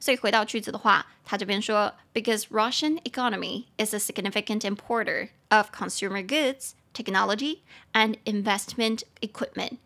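A woman hosting a casual podcast lesson, translating phrase by phrase and spelling words letter by letter, chatty and quick to joke. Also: mid-range voice, vocal fry, pushed and bright. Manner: chatty and joking, laughs easily. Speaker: English teacher and podcast host.

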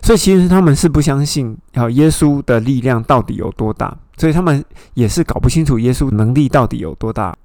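A man's voice: medium pitch, expressive, brisk, few pauses, a little mellow, dry recording. A man teaching a Bible study. He explains scripture, retells its scenes and asks his listeners questions.

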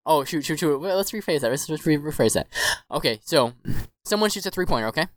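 A man's voice: fairly high pitch, animated, fast, noisy background. A man hosting a sports podcast, running a quiz in a playful, rambling way with many fillers. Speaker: podcast host. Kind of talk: casual quiz chat.

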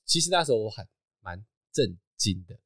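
A man, hosting a podcast and telling a story in a casual, animated chat, laughing often. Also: fairly low pitch, fairly quick, dry recording, clean studio sound. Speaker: podcast host.

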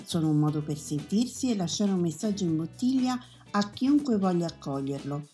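Woman host, mellow lowish voice, scripted welcome. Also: lively intonation, normal speed, soft background music. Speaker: podcast host. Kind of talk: scripted podcast intro.

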